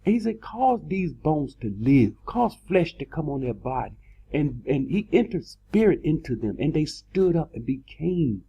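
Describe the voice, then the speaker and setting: A man's voice: on the high side, sing-song, measured pace, vocal fry, breathy edge. A man preaching in a sermon style, stressing words by stretching them out and repeating phrases. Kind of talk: sermon-style scripture teaching. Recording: dull lo-fi recording.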